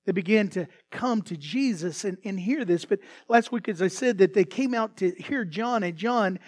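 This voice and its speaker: A man's voice: high voice, moderate pace, darkish tone. A pastor preaching a sermon in a conversational style, with frequent restarts and quoted lines acted out for his congregation.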